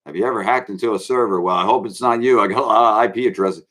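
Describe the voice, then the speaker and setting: A man's voice: on the low side, rapid-fire, fairly bright tone. A man hosting his own online show, ranting loosely and calling his viewers kids. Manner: brash, swaggering, addresses viewers as kids. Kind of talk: rambling live-stream rant.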